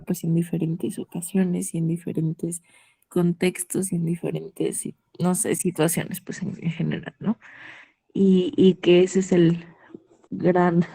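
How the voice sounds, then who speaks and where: Hesitant student with a low warm voice. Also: female voice, breathy edge. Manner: hesitant, thinking aloud. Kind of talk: class discussion.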